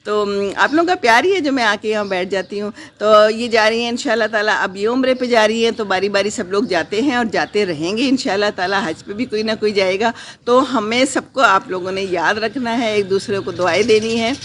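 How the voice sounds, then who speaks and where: A medium-pitched woman chats casually on a live stream from her garden, reading viewer comments aloud. Her delivery is gentle, reflective and unhurried with pauses, mixing in English phrases and sprinkling in prayers, blessings and wishes.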